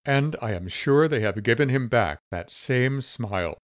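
A man's voice: medium pitch, very animated, measured pace, no echo, clean studio sound. A man voicing a young, anxious funeral home receptionist who sounds sad and eager to please, in a storybook reading. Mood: nervous.

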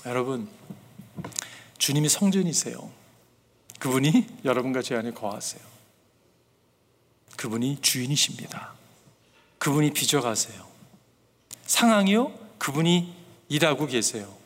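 A man's voice: medium pitch, big pitch swings, measured pace, long pauses, in a large hall. A man preaching as a pastor. He speaks earnestly and keeps turning to the congregation with questions. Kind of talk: sermon.

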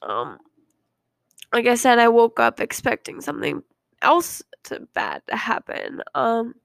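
A woman's voice: on the high side, very animated, a little slow, creaky, no echo, studio quality. A young woman hosting a podcast, telling her own story in a rambling, hesitant, confiding way with frequent ums. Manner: earnest and confiding. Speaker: podcast host. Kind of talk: casual personal storytelling.

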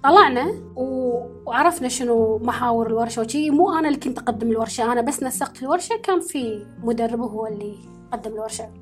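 A woman with a Gulf Arabic accent hosting a casual podcast interview, chatty and quick to laugh. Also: a little high, soft background music. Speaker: podcast host.

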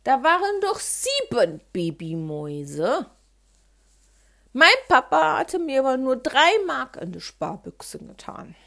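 A woman telling a childhood story in a chatty, colloquial manner. Her voice sits high and moves lively up and down in pitch. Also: takes it slowly, vocal fry.

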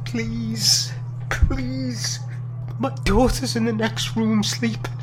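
A woman playing a frightened, desperate debtor and parent, pleading haltingly in a naturalistic drama. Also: mid-range voice, music in the background. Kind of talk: naturalistic screen drama acting. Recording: noisy hum behind voice.

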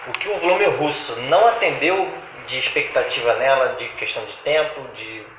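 A man's voice: medium pitch, normal speed, background noise. Man, echoey lo-fi room. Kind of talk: casual chat. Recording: echoey room, dull lo-fi sound.

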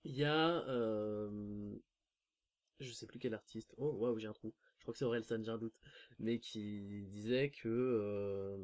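A man's voice: on the low side, unhurried, darkish tone. A man interviewing a guest, asking long rambling questions and searching for his words.

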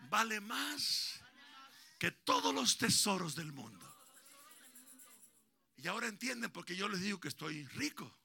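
A man in his sixties preaching a sermon at a church service, swinging from hushed tender talk to shouted preaching. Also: high voice. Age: 60s. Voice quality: gravelly. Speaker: pastor. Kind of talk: Pentecostal-style preaching.

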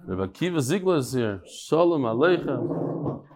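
A man's voice: medium pitch, very animated, moderate pace, darkish tone. A mature man, a rabbi teaching a Talmud class in an informal, conversational way, posing questions and answering them himself. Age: middle-aged or older. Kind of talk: informal lecture with chatty asides.

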